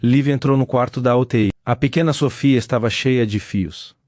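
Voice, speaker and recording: A man giving a scripted dramatic narration in a measured, solemn storytelling manner. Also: medium pitch, a little mellow, no echo, studio quality.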